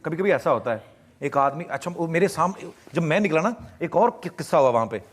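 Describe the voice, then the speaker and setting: Young man guest, spins lively stories, mimics the people in them, voice sits a bit high. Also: fairly quick. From Punjab, India. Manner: animated anecdotes, acting out quoted voices. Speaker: interview guest. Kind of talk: storytelling answers in a TV interview.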